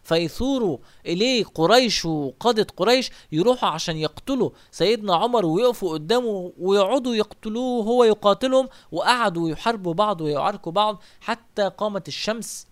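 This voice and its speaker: Fast, high-voiced Egyptian man storyteller. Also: no room sound. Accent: Egyptian Arabic. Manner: animated, asks and answers his own questions. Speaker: religious storyteller. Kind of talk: retelling early Islamic history in colloquial speech.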